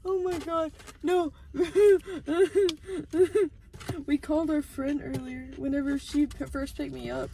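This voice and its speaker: High, giggly young woman in a car. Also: fairly even intonation, takes it slowly, gravelly, mellow, a little hiss or hum. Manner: giggly, swearing, laughs constantly. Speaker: vlog co-host. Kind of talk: casual chat while eating. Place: inside a car.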